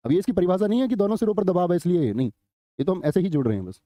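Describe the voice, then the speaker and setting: A man's voice: high voice, big pitch swings, very fast, dark tone, dry recording. A middle-aged man teaching a live online grammar class, chatty, telling anecdotes and quizzing students.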